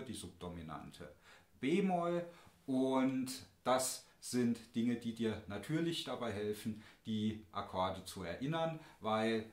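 Slow, deliberate man teaching piano. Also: fairly low pitch. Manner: calm, deliberate, addresses viewer directly. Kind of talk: piano lesson explanation. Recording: roomy sound with piano.

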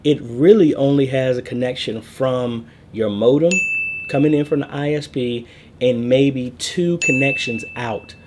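A man in his thirties gives a casual screen-share tutorial about a church network, walking through it step by step with fillers and small corrections. His medium-pitched voice keeps a measured pace, recorded indoors on a webcam with a noisy background.

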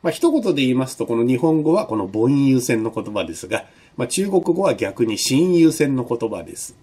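A male university lecturer giving a recorded online lesson, explaining patiently with many fillers and slowing down to demonstrate sounds. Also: mid-range voice, big pitch swings, dark tone, slightly rough.

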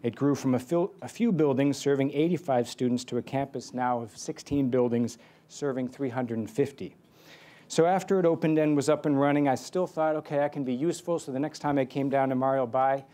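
A man's voice: mid-range voice, a little fast, dark tone. A man in his forties giving a self-deprecating keynote speech from a lectern on a conference stage. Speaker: keynote speaker. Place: large conference hall stage. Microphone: lectern microphone.

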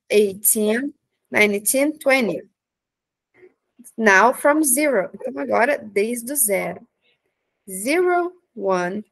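A female English teacher with a Brazilian accent, drilling vocabulary slowly, each English word followed by its Portuguese gloss. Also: a little high, gravelly. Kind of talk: slow bilingual vocabulary drill.

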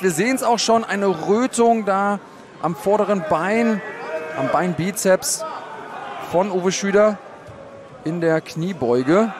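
A man giving analytical live fight commentary as the expert, explaining as he goes. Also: high-pitched. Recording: loud arena crowd noise behind.

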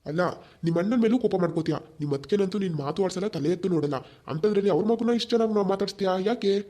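A man playing an easygoing husband who keeps telling his angry wife to calm down, in an amateur village family drama. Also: high voice, fast. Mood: placating. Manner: soothing, placating.

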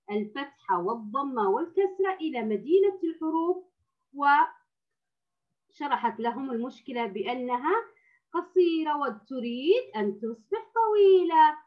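A woman teaching a first-grade reading lesson, stretching out sounds and words slowly and repeating them patiently for young pupils. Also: high-pitched, sing-song. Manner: addresses the class as girls, with patient repetition. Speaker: primary school teacher. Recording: dull lo-fi recording.

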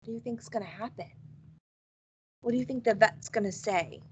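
A woman early childhood teacher giving a read-aloud lesson in an online meeting, expressive and questioning. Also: a little high, moderate pace, lo-fi sound, a little hiss or hum.

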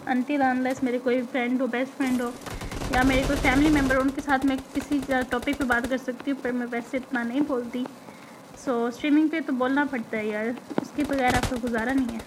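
A young woman from Pakistan, a game streamer with a hoarse throat, chatting and teasing viewers as she reads their comments during a live stream. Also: high voice, steady tone, brisk, noisy background. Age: young adult. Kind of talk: live-stream chat while gaming. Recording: loud gunfire from the game behind.

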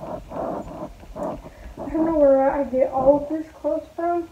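A young woman in her twenties vlogging casually as she packs clothes, talking to viewers and thinking aloud. She records herself on a phone set low in a small bedroom. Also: fairly even intonation, takes it slowly, slight background noise. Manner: chatty, thinking aloud while packing clothes. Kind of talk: casual packing vlog. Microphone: phone camera set low on the floor. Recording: echoey room, tinny phone-like sound.

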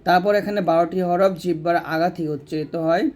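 A man teaching Quran reading step by step, stretching out letter sounds in slow drills. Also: sits high, fairly even intonation, a little mellow. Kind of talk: step-by-step recitation lesson.

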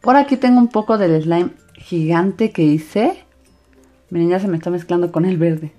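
A woman's voice: lowish voice, normal speed, dark tone, muffled recording. A woman narrating a hands-on craft video for children in an enthusiastic, sing-song way. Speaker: host of a slime craft channel. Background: background music.

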